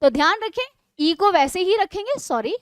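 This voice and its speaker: A woman teacher explaining English spelling rules in an online class, asking questions and answering them herself, and reading the rules out slowly. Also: very high voice, animated, dry recording. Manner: explains in Hindi mixed with English, asks and answers own questions.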